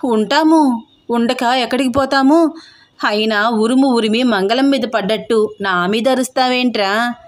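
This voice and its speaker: A woman doing a shrill, dramatic scheming aunt. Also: a little slow, close to an everyday voice. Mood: sulking. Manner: loud, dramatic, wailing complaints. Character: scheming middle-aged aunt, theatrical and complaining.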